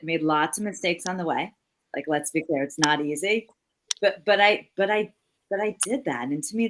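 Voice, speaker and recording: Low-voiced woman on a video call. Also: fairly bright tone, slight background noise. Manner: reflective, measured, with many restarts. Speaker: panelist. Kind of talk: online panel discussion.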